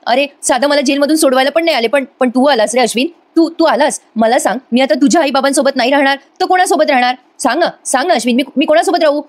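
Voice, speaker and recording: A young woman pleads in an exaggerated whine, as a woman mimics her. The voice is pushed higher than the speaker's own and moves fast. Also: lightly acted. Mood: whiny. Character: whining young woman pretending to suffer.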